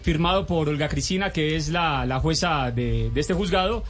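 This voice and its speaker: A Colombian man with a high-pitched voice works as a radio reporter. He delivers news and puts questions to a guest. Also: normal speed, faint music behind.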